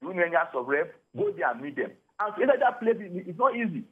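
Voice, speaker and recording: This radio caller is a Nigerian man whose husky, high-pitched voice swings widely in pitch at a quick pace. Heard through a tinny telephone connection, he makes his points emphatically, frequently going back over and restarting his words.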